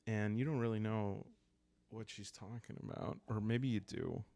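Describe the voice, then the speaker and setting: Soft-spoken and unhurried, this host plays a solo journaling roleplay game in a deep, gravelly voice with vocal fry. He thinks out loud and makes up scenes as he goes, aiming to lull listeners to sleep, and the close, dry recording has no echo.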